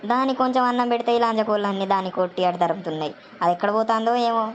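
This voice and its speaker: A woman with a Telangana Telugu accent playing a quarrelsome village woman who curses loudly at stray hens. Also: on the high side, racing, lo-fi sound, slight background noise, close to an everyday voice. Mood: ranting. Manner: loud cursing rant.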